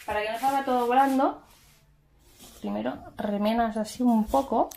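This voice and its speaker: Her voice is fairly high and gravelly yet warm, with a steady tone and normal speed. She hosts a cooking show, casually demonstrating a recipe step by step as she cooks at home. A camera mic across the echoey kitchen captures her amid clattering.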